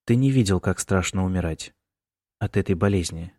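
A man voicing an anxious middle-aged mother who speaks quietly and with strain. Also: low-pitched, normal speed, no room sound, studio quality. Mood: worried, reproachful.

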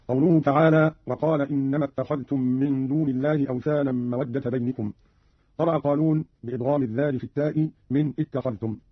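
Husky-voiced man explaining recitation. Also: medium pitch, no room sound. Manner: formal, measured explanations with recited examples. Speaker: Quran reading instructor. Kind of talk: scripted explanation of recitation variants. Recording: dull, dry archival radio recording.

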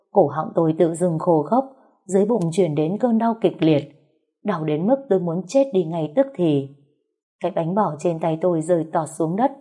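Woman narrator for a spoken horror tale, dramatic and tense, low husky voice. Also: warm tone. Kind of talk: first-person horror story narration.

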